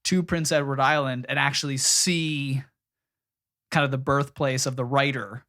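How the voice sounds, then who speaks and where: A young man in casual conversation as co-host, leaning on "you know" and "like" as he talks. His voice sits at an ordinary middle pitch. It is recorded close and dry with no room sound. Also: steady tone, a little slow, fairly bright tone, no echo. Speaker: podcast co-host. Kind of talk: casual chat.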